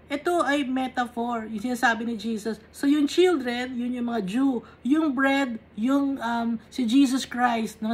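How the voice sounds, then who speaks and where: High-voiced woman explaining scripture. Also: a bit bright, slightly rough. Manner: patient, step-by-step explaining with tag questions; mixes English Bible reading with Tagalog explanation. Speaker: Bible teacher. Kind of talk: Bible study teaching, reading verses aloud then explaining them.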